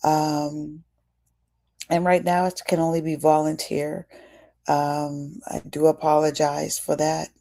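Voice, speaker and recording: This livestream host talks slowly in a warm, low voice with little rise and fall. Casual and a bit preachy, she poses questions to her viewers and addresses them as y'all.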